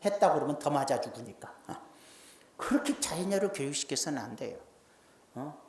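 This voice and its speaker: A male pastor preaching a Sunday sermon in a lively, folksy way, swinging from loud declarations to hushed asides. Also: on the high side, normal speed. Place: church sanctuary. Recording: roomy church sanctuary echo.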